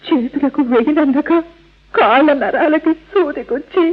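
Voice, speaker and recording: A high, pleading young mother in an old radio play. She is devout and distraught, and the recording is thin and tinny. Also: unhurried. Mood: anxious, distraught. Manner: pleading, tremulous, emotional. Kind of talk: old radio drama acting.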